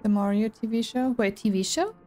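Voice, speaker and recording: Over game music, a female streamer gives casual, chatty gameplay commentary and talks to her chat. Her voice sits on the high side, animated and fairly quick with a darkish tone, and there's a little hiss or hum.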